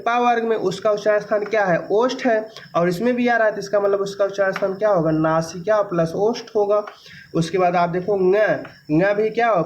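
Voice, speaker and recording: High-voiced male teacher, dull lo-fi sound. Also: a little hiss or hum. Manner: asks questions then answers them himself; demonstrates sounds aloud, repeating syllables. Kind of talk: explaining grammar lesson to exam students. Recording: dull lo-fi recording.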